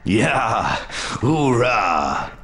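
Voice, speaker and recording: A man's voice: medium pitch, sing-song, drawn-out words, fairly bright tone, heavily acted. A man playing a cocky, wisecracking Marine soldier in a war shooter game, with a laconic, sardonic manner. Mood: cocky, dry. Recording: music behind the voice.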